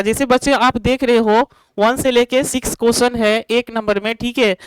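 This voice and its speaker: A woman with a slightly high, smooth voice teaches a math lesson online, explaining in a drawn-out, repetitive way. She keeps asking rhetorical questions and answering them herself, checking in with students as she goes, and the low-quality recording has no echo.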